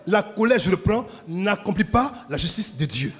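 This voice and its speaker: A man's voice: sits high, moderate pace. A man preaching a sermon, telling stories animatedly and acting out scenes. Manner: animated storytelling, acts out scenes, laughs along. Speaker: pastor.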